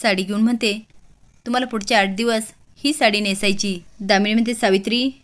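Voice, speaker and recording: A woman recapping a TV serial episode, narrating the scenes and reading out each character's dialogue in turn, with loud, high outbursts in the dramatic moments. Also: fairly even intonation, a little fast. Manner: reads every character's lines aloud, rising loud and high in dramatic outbursts. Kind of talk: storytelling recap with acted dialogue.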